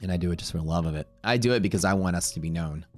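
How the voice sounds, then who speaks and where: A man's voice: sits low, rapid-fire, darkish tone, faint music behind. A man hosting a live trading stream, talking casually and rambling, laughing often.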